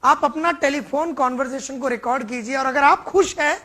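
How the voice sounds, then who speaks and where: Emphatic sales trainer, high voice. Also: male voice, normal speed, bright, forceful tone. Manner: emphatic, mixes Hindi and English, coaching. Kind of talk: motivational training talk.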